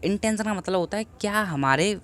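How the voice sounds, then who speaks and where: Young man, fairly high voice, casual revision lecture, asks and answers his own questions. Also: fairly bright tone. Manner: explains each point with rhetorical questions; reads English lines slowly, then explains them. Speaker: exam-prep tutor.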